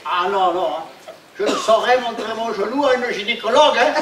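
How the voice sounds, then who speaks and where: A man's voice: high-pitched, expressive, brisk. A man acting in an amateur stage comedy, bumbling and adding "hein" to his lines. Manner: bumbling, tacks "hein" onto lines, laughs often. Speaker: stage actor playing a hapless man posing as a Swiss buyer. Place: theatre stage. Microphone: far room mic. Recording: roomy stage sound from far off, audience noise.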